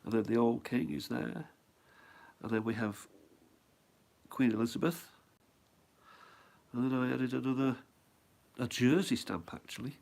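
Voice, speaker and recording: With a head cold, a middle-aged man goes through his stamp album at home, speaking a little slowly with long pauses. His medium-pitched voice is gravelly and a bit mellow, and he muses, rambles, and asks himself questions.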